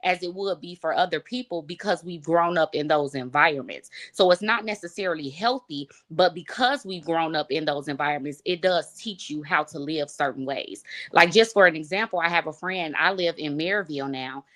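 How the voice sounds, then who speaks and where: A woman's voice: sits low, normal speed, hardly any pauses, a bit bright. A woman from Chicago on a discussion panel, earnestly telling a personal story to make her point. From Chicago, United States. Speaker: panel guest.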